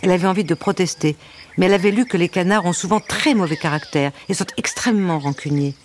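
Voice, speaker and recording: A woman storyteller reading a children's story aloud, with a gentle, wry narration and playful asides. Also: on the low side, quick pace, slight background noise.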